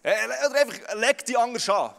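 High-voiced Swiss preacher in a big hall. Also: male voice, lively intonation, a little fast, fairly bright tone. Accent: Swiss German. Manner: stammers on repeated words, addresses crowd directly. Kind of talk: sermon. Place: large hall with audience. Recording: long hall reverb.

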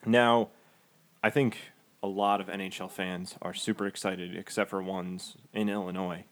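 A man with a fairly low voice chats casually as a podcast co-host. He argues his points firmly and slips in dry sarcasm. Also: level tone, normal speed. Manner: opinionated, sarcastic. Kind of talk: casual sports chat.

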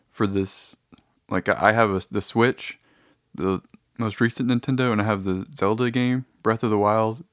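A man's voice: fairly low pitch, a bit bright, smooth, no room sound, studio quality. A man talking to his audience in a casual, meandering, easygoing monologue.

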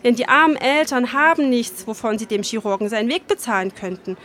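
A woman's voice: fairly high pitch, lively intonation, a little fast, a bit bright. A woman reading the part of a shy young male factory worker in a story, pleading earnestly and sorrowfully.

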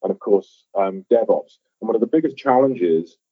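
Low husky man on a phone line. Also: lively intonation, no echo. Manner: measured, explanatory, with fillers and restarts. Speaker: podcast guest, software architect. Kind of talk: conversational interview. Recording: tinny phone-line audio.

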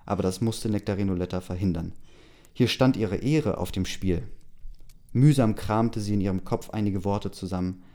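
A man casually reads a story aloud, hesitating often, using many fillers and laughing between lines. His voice is lowish and mellow, at a moderate pace.

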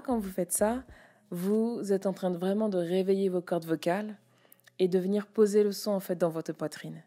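Female voice coach, relaxed and mellow, explains and demonstrates vocal registers over faint music. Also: mid-range voice. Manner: demonstrates chest, mask and head voice. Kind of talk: spoken voice lesson.

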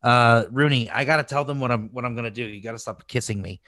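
A mid-range voiced man talks fast in a pushed, bright tone on a dry recording as he hosts a film podcast. He gushes emphatically and swears freely, keeping things crass and casual.

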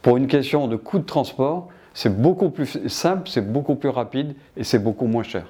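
Man, older, from Martinique, interviewee, hesitant, restarts often, dark mellow voice. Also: mid-range voice, expressive, normal speed, husky. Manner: hesitant, many restarts and fillers. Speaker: business director interviewed. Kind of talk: interview answers.

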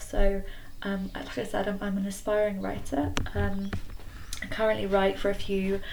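Creaky-voiced young woman, shed recording. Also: mid-range voice, darkish tone, low-quality recording. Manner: hesitant, self-effacing. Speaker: podcast host. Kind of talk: casual chat, solo podcast monologue. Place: small wooden garden shed, slightly echoey. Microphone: computer recording. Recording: clicky home recording with background noise.

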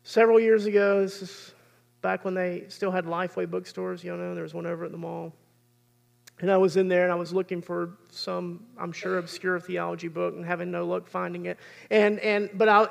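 A man's voice: high voice, vocal fry. A man, preaching a sermon as pastor in an earnest, conversational way.

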